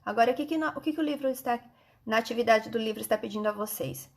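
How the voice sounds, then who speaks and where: A Brazilian woman with a fairly high-pitched, gravelly voice teaches children in an online lesson, walking them through textbook exercises. Instructive in manner, she pauses often with questions checking that they follow along.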